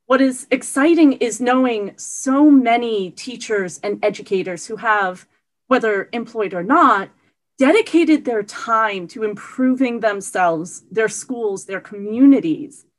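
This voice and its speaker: A woman's voice: fairly high pitch, lively intonation, measured pace, rough recording. Woman giving an earnest award speech. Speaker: award recipient. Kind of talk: prepared acceptance speech.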